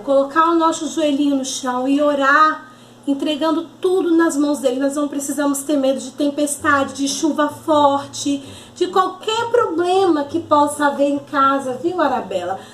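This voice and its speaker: A woman teaching a children's Bible lesson, speaking in an animated, affectionate way and addressing the children directly. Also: high-pitched, moderate pace, reverberant. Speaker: children's Sunday school teacher.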